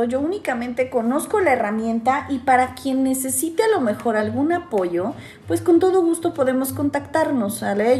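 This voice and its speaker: A woman's voice: high voice, a little mellow. A woman from central Mexico with a Mexican accent, a guest speaking modestly and hesitantly with many fillers. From Aguascalientes, Mexico. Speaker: guest, oracle card reader. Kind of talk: interview conversation.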